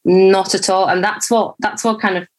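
A woman's voice: mid-range voice, fairly even intonation, normal speed. A woman from Poland, a guest on a podcast, talking in a hesitant, reflective way with many restarts. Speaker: podcast guest, brand founder. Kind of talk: casual podcast conversation.

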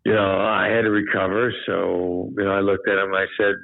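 A man's voice: low-pitched, fairly quick, creaky, dry recording. Man on a tinny phone-like line. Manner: relaxed, repeats "you know", animated when quoting others. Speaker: guest, former hostage negotiator. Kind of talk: casual storytelling in a podcast chat.

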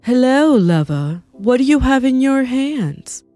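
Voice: high-pitched, big pitch swings, takes it slowly, warm tone, dry recording, soft background music, voice pushed up, heavily acted. A woman reading Rio, a tender, playful partner. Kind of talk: storybook character reading.

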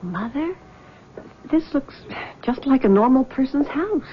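A woman's voice: high voice, lively intonation, a little slow, lo-fi sound, slight background noise. A woman playing a fragile, anxious young woman in a drama, hesitant and pleading, dependent on her mother. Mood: timid. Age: young adult. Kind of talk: scripted drama acting.

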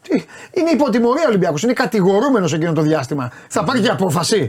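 Ζωηρός άντρας παρουσιαστής με ψηλή φωνή. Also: male voice, high-pitched, husky. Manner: animated, excitable, quick interjections. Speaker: show host. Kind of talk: casual sports chat.

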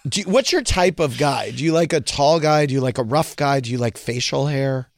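A man's voice: mid-range voice, expressive, dry recording, studio quality. A man hosting a radio interview, firing off cheeky questions in a teasing way. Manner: teasing, rapid-fire questions. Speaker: host.

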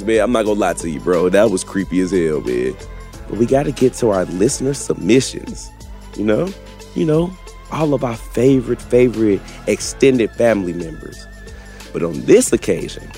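Lively low-voiced man, joking podcast host. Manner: slangy, joking. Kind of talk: casual comedic banter.

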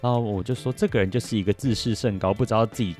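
Fast-talking young man. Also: lowish voice, faint music behind. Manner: animated storytelling, indignant and laughing. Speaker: podcast guest. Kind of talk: casual podcast chat.

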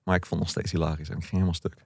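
A man co-hosting a podcast, telling stories in a relaxed, chatty way with the odd swear word. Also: low voice, racing, vocal fry, husky, dry recording, clean studio sound. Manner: relaxed storytelling, mild swearing. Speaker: podcast co-host. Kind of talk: casual chat.

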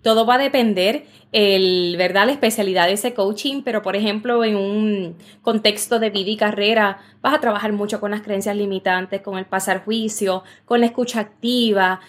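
A woman's voice: mid-range voice, steady tone, moderate pace, hardly any pauses. A woman in her thirties with a Puerto Rican accent, a career coach talking casually as a podcast guest, thoughtful and full of little fillers. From Puerto Rico. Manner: thoughtful, frequent "eh" and "¿verdad?" fillers. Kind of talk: casual interview chat.

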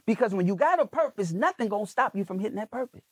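His voice sits high with lively intonation, fast and husky, captured in clean studio sound with no room echo. As a motivational podcast guest, he coaches people on making videos, preachy and emphatic, repeating phrases.

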